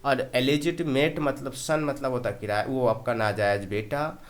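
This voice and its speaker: A man teaching English vocabulary in a slow classroom style, often checking whether the point is clear and repeating each meaning. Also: mid-range voice, steady tone. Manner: explains slowly, keeps asking "clear?" and repeating meanings.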